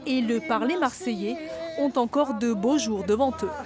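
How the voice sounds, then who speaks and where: High-pitched woman narrating a news report. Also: normal speed. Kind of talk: scripted news voice-over. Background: background music.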